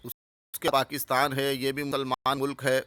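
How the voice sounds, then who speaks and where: Man, earnest informal talk, bright forceful tone, urging, dry close sound. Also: mid-range voice, completely flat delivery, no echo. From Pakistan. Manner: earnest, urging, lists items one by one with short comments. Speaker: religious channel host.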